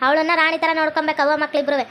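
A woman's voice: sits high, little pitch movement, racing, pushed and bright, slight background noise. A woman, scolding and threatening as a stern police officer in a village comedy skit. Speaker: comedy sketch creator playing a police officer.

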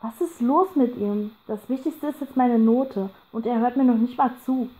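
A woman's voice: a little high, moderate pace, dark tone, lightly acted, rough recording. A woman voicing a desperate, furious teenage schoolgirl who pleads and then turns bitter and hateful. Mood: pleading.

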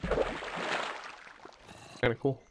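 A man's voice: slow, background noise. A man chatting casually over a let's-play game, easygoing and curious. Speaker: gameplay commentator.

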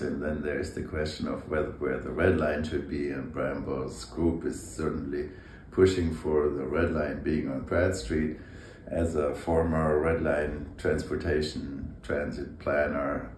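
Very deep-voiced older man, roomy sound. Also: darkish tone. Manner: thoughtful, measured, occasional hesitations. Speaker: architect and urban planner, interview guest. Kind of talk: conversational interview. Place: indoor room with brick walls. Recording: roomy echo, faint background hum.

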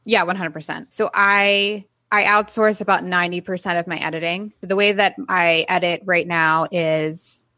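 Woman wedding photographer on a podcast, chatty, kinda low voice, dry mic. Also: steady tone, normal speed, few pauses, bright, forceful tone, no echo. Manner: chatty and upbeat, laughs at herself. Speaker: wedding photographer and business owner, podcast guest. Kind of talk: conversational interview.

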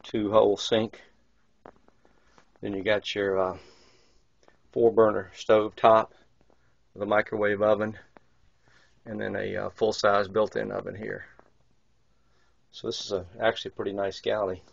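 A man guides viewers through a yacht's cramped, wood-paneled cabins as he films, rambling and restarting with plenty of fillers. His lowish voice has vocal fry, little pitch movement, a slightly slow pace, and long pauses; the handheld camera mic gives dull lo-fi camcorder sound with no echo.

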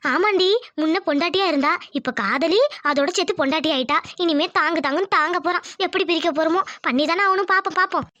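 A shrill, cutting village aunt from a cartoon, as a woman voices her, scheming and quick to take offence. She talks fast and needles everyone around her. The sound is dry and close. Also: pushed and bright, no echo, dull audio. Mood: plotting. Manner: needling and indignant. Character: scheming middle-aged village aunt, sharp-tongued. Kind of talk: cartoon dubbing.

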